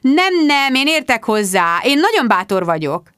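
A woman voicing an affected, gushing young woman who talks in an effusive, breathy, theatrical way in an audiobook. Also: mid-range voice, sing-song, fairly bright tone, no room sound, studio quality.

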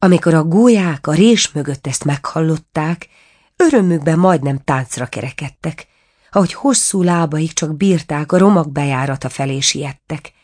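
A woman reading a fairy tale aloud in a measured, even manner. Her voice is low for a woman. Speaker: narrator. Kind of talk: storybook reading.

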